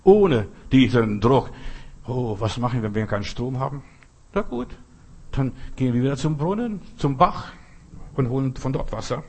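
A man preaching with a husky, slightly breathy voice. He talks straight to the listener, leaning hard on repeated phrases and pointed asides. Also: medium pitch, lively intonation, normal speed, darkish tone. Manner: direct, addresses listener as du, emphatic repetitions. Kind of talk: sermon.

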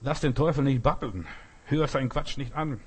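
A man's voice: mid-range voice, moderate pace, slightly rough. An older man preaching a casual sermon who keeps checking in with his listeners and tells stories from his own life. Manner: informal preaching, often asks "verstehst?", tells personal stories.

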